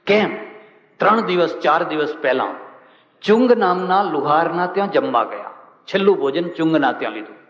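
A man's voice: on the high side, lively intonation, moderate pace, fairly bright tone. A man, a swami giving a sermon, telling stories with passion and firing off rhetorical questions. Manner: impassioned storytelling with rhetorical questions. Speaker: swami giving a religious discourse. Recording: dull, echoey hall recording.

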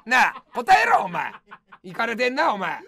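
A man ranting at his livestream viewers in mock fury, hurling rough insults and yelling in bursts. His voice is gravelly and bright. His pitch leaps around with lively swings. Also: moderate pace. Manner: mock-furious yelling, rough insults, calls everyone "you". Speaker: comedian streamer answering viewer comments. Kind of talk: improvised angry comedy rants on a livestream.

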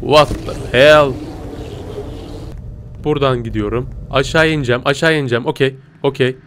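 A man giving casual Let's Play commentary, jumpy and excitable, swinging from tense whispers to loud yelps and talking to his viewers. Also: mid-range voice, moderate pace, a little hiss or hum. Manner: talks to viewers as "pisicikler". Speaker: gaming YouTuber.

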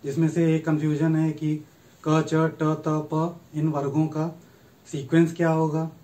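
A man giving a recorded university lecture on grammar, reciting letters and rules one by one in a slow, methodical way. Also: on the high side, completely flat delivery, warm tone, rough recording. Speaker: Sanskrit lecturer.

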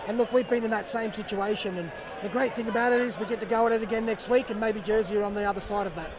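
A man in his thirties, a rugby director, giving a measured and gracious post-match interview outdoors beside the pitch. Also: fairly even intonation. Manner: measured, gracious, hedging fillers. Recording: crowd noise outdoors.

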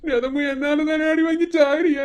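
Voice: high voice, moderate pace, dark tone. A performer voicing an anxious, lovesick young man in a cartoon, self-pitying, with a Madurai accent. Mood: despairing. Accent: Madurai Tamil.

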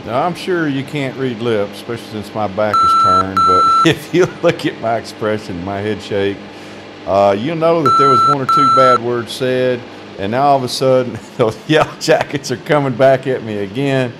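A man's voice: medium pitch, wildly swooping pitch, normal speed, very noisy. An older man with a Southern US accent, a sawmill owner narrating his work video in a wry, grumbling, folksy way.

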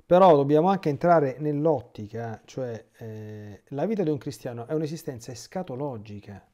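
This is a mellow, warm-toned male priest from Italy giving a catechesis talk. He moves between reading a devotional text aloud and off-the-cuff asides to his listeners. His pitch sits in an ordinary middle range. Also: normal speed. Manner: reads a text aloud, breaking off into lively spontaneous asides.

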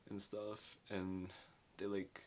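Young male book reviewer, deep voice, slangy and rambling, casual at-home delivery. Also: completely flat delivery, takes it slowly, darkish tone, slight background noise. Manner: rambling, slangy, filler-heavy with lots of "like". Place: small dim bedroom at home.

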